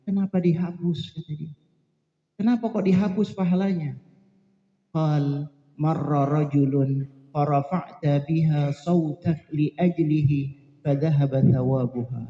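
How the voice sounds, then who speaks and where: A man's voice: fairly high pitch, dark tone. Preacher man in an echoey hall. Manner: reads Arabic text, then explains it in a casual storytelling way. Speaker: Islamic preacher. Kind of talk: religious study lecture. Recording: echoey, dull lo-fi hall recording.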